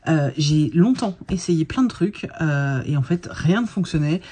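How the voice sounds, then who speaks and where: Woman, vlogger, husky, mellow tone, tired, colloquial chatter with fillers. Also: sits low, animated, measured pace. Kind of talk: casual chat.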